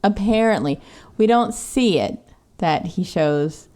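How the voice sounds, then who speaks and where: A woman's voice: medium pitch, measured pace, warm tone. A woman, recapping a book on a podcast in a casual, sarcastic, swearing way. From Texas. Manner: profane, sarcastic. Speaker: podcast co-host.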